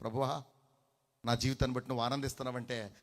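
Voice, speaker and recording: A man preaching a sermon to a congregation, swinging between hushed and loud delivery, drawing out key words and slipping in English phrases. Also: medium pitch, little pitch movement, fast talker. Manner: mixes in English phrases, addresses the congregation directly.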